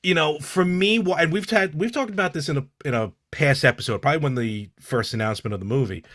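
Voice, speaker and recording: A man's voice: fairly high pitch, fairly bright tone. A man co-hosting a podcast, chatting casually and enthusiastically, often cutting in to agree. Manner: enthusiastic, quick to agree and interject. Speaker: podcast co-host. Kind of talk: casual chat.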